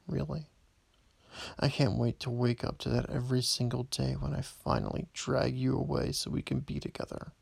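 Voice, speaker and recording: A man playing a menacing, possessive stalker in an audio roleplay, speaking low and taunting, often dropping to a whisper. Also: gravelly, husky, no room sound, heavily acted. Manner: slow, low, taunting delivery with frequent whispers. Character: menacing adult male stalker, predatory and possessive.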